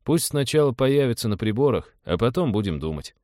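Мужчина, читающий реплики спокойного немногословного молодого пилота корабля, говорит ровно и бесстрастно. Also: male voice, medium pitch, fairly quick, dry recording, studio quality, pitched above the performer's own voice, close to an everyday voice. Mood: calm. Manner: flat, terse, unemotional. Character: calm laconic young male ship pilot.

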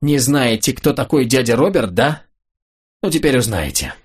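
A man's voice: medium pitch, lively intonation, normal speed, breathy edge. A man doing a hysterical, unsteady young man. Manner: laughing bitterly, unsteady.

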